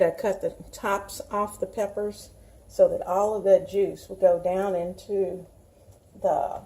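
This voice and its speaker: A woman's voice: mid-range voice, warm tone. A woman with a Southern US accent, chatting in a folksy way to viewers as she hosts a casual home cooking demonstration. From Southern United States. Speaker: home cooking show host.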